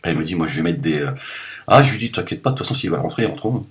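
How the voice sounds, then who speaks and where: A man talking straight to his viewers in a loose, rambling monologue, joking and swinging between loud bursts and low mumbles. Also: animated, very fast. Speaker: video blogger.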